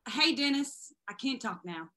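A woman reading young woman student, high voice, hurried, puzzled, brushing off. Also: animated, bright, forceful tone. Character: distracted young woman art student, twenty. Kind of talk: amateur play reading.

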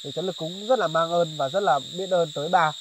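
A man's voice: fairly high pitch, brisk, noisy background. Polite man vlogging outdoors. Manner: polite, addresses viewers often, many fillers. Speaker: charity vlogger. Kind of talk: vlog narration and chat on location. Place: outdoors in a highland village.

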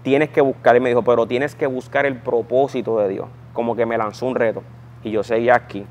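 A man's voice: mid-range voice, little pitch movement, fairly quick, a little hiss or hum. Emphatic Puerto Rican man telling his testimony. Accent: Puerto Rican Spanish. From Puerto Rico. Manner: storytelling, emphatic, acts out voices in quotes. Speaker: guest giving a testimony. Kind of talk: personal testimony in conversation.

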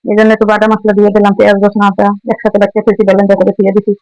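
A woman's voice: mid-range voice, completely flat delivery, very fast, mellow, dry recording, soft background music, rough recording. A woman from Barishal with a Barishal Bangla accent mixed with Dhaka speech, chatting casually as she cooks and reminisces. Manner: chatty, reminiscing while cooking. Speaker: home cooking vlogger. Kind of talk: casual cooking narration.

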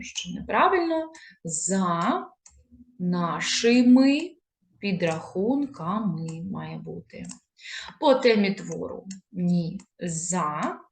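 Female language tutor, mid-pitched voice, clear explanatory teaching delivery, recorded in a roomy space. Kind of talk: online grammar lesson.

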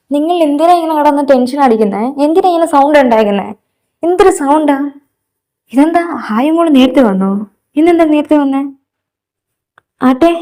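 A woman voicing a middle-aged mother and wife who scolds her husband and urges him to calm down in a fan audio drama. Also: high voice.

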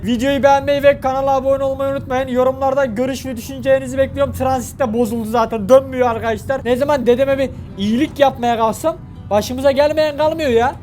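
A young Turkish man commenting casually on a driving game, excitable and mock-lamenting, cursing often. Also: very high voice, quick pace, hardly any pauses, soft background music. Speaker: gaming channel host.

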